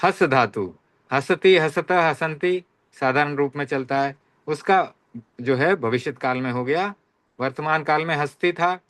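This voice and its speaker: Teacher, male, fairly high voice, slow patient drill recitation, dry close sound. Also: a bit bright, no room sound. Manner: recites verb forms slowly and repetitively, checks in often. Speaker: Sanskrit teacher. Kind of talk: online class lesson.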